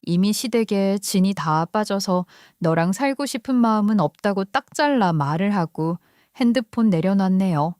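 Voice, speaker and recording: A woman's voice: medium pitch, lively intonation, moderate pace, darkish tone, no room sound, studio quality. A woman in her forties narrating her own story in a blunt, matter-of-fact way. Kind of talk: first-person story narration.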